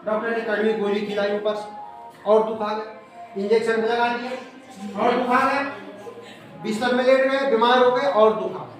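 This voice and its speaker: A man's voice: very high-pitched, steady tone, normal speed, pauses often, distant mic. A male schoolteacher explaining a poem to a class, asking questions and letting pupils finish his sentences. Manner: call-and-response questioning of pupils. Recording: echoey classroom, recorded from afar, children around. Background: pupils murmuring.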